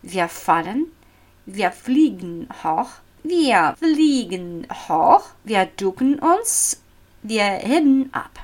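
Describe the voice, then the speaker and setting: Woman teacher, super slow, sing-song, voice leaps all over when she shows the tones. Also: mid-range voice, very animated. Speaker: language teacher. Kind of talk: slow, deliberate language lesson.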